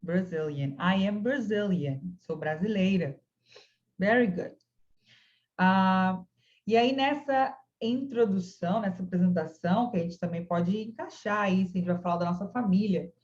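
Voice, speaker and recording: Patient woman teacher on an online class, speaks slowly, muffled call sound. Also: mid-range voice, darkish tone. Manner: patient, models English phrases slowly for students. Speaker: English teacher.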